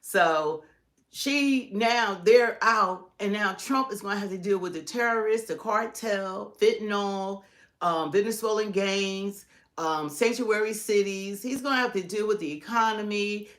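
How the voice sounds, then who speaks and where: A middle-aged American woman speaks at a medium pitch in casual, opinionated political commentary. She is emphatic, often repeating herself and stacking points into lists as she co-hosts a live stream. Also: measured pace.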